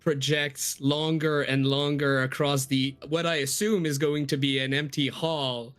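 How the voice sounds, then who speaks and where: A man's voice: a little high, level tone, unhurried, a bit bright, faint music behind. A man playing a tabletop game who talks in a playful, joking way and hams up his character's scenes. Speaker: player.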